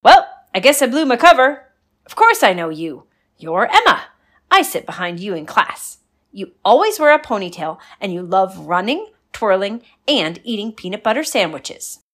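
A woman doing a loud, high spooky girl ghost. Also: very animated, moderate pace. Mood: friendly. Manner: loud, spooky, then bubbly and friendly. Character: playful schoolgirl in a ghost costume.

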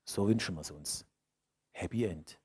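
Husky preacher, swinging loud to hushed. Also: male voice, deep voice, moderate pace, no room sound, studio quality. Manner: emphatic, repeats key phrases, swings between loud and hushed. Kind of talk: sermon.

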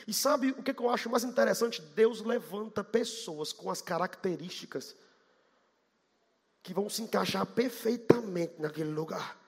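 A man from Bahia preaches a sermon with a quick Bahian accent, swinging into sing-song shouts. His voice sits very high, sharp and gravelly. The sound carries a long reverb from a large church hall. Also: expressive. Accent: Bahian Portuguese. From Bahia, Brazil.

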